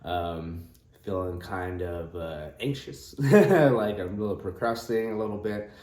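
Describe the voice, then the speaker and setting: A man's voice: low voice, unhurried, a little mellow. A groggy man giving a casual motivational vlog chat early in the morning, rambling and trailing off as he goes. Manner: rambling, trailing off, frequent 'you know'. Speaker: host of a daily cold plunge vlog. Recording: roomy, echoing sound.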